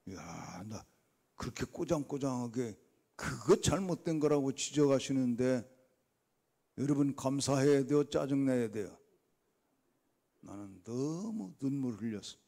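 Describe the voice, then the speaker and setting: A man's voice: mid-range voice, lively intonation, a little slow, vocal fry, long pauses, mellow. An older man preaching a dawn revival sermon, telling stories and acting out his own conversations with God. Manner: storytelling, acts out his talks with God. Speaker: guest preacher.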